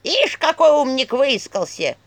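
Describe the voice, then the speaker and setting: A narrator voicing a cantankerous old female talking skull on a staff, with a creaky, shrill, scolding folk manner. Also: big pitch swings, measured pace, full character voice. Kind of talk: audiobook character voice.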